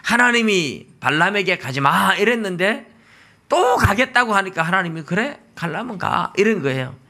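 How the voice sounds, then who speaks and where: Lively, bright-voiced Gyeongsang Korean pastor. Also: male voice, high voice. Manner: acts out dialogue in lively voices. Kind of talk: sermon. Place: church.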